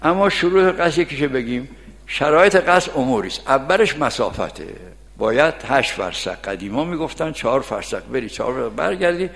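An older man, a cleric, teaching religious law in a folksy way, with lively anecdotes. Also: medium pitch, vocal fry. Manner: folksy, lively storytelling, frequent "yes".

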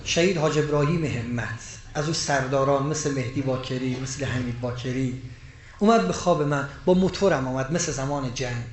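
A man preaching a sermon, moving between loud emphatic rises and hushed, quiet storytelling. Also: medium pitch, background noise. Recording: echoey room with faint ambience.

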